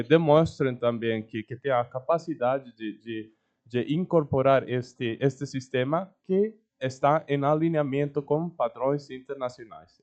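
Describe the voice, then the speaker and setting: A man gives an informal public address, halting often and repeating words. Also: medium pitch, a little mellow. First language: Spanish. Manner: halting, with repeated words and long hesitation sounds. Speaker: guest speaker at an official training event. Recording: dull, muffled event audio.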